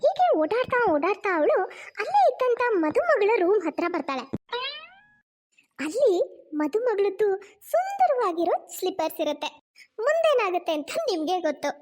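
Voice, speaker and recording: A woman narrating a cartoon story in a gentle, measured way. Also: very high-pitched, sing-song.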